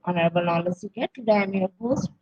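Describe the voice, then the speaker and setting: A woman's voice: medium pitch, dark tone, no room sound. A woman from Bangladesh hosting an online webinar, formally reading a scripted introduction of her institute and pacing through long lists. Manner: formal, reads lists in a measured way. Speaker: webinar host. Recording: dull lo-fi dry sound.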